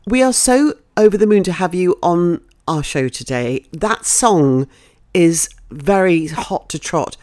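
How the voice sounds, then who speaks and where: A woman's voice: fairly low pitch, expressive, measured pace, a little mellow. A woman presenting a radio show, chatting effusively with a guest and laughing often. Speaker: radio host. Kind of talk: casual radio chat.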